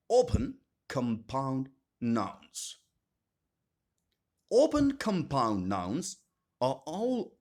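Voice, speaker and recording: A man teaching an English grammar lesson, speaking slowly and deliberately and repeating each term with strong stress. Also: medium pitch. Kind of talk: scripted grammar lesson narration.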